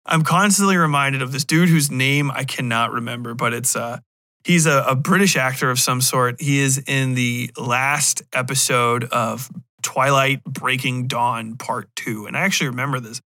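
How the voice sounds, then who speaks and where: A podcast host at normal speed and medium pitch rambles casually in review talk, irreverent and swearing bluntly, with animated asides where he performs imagined remarks. Clean studio sound, with no echo.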